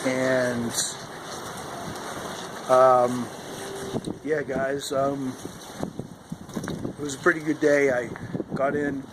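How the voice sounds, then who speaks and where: A man chatting casually and haltingly to a handheld camera as a vlogger, rambling along outdoors. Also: mid-range voice, flat delivery. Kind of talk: casual vlog chat to camera. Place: outdoors in the cold wind. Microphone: handheld camera at arm's length. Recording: windy outdoor recording, loud wind noise. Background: howling wind noise.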